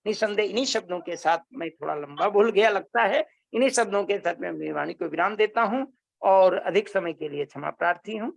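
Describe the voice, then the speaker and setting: Gravelly man giving a devotional discourse. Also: high voice, a little fast, dry recording, poor audio. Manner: recites Sanskrit verses in chanting cadence; storytelling, earnest and devotional. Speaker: Vedic scholar giving a talk. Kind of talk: religious discourse.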